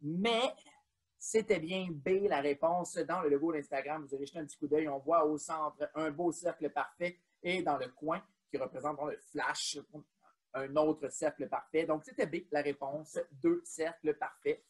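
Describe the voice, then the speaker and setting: A man co-hosts a quiz in a loose, chatty way, counting down and filling gaps with small hesitations. His voice sits slightly high and has a husky edge. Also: a little slow. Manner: counts down, chatty with many fillers. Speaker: quiz co-host. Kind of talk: casual quiz co-hosting.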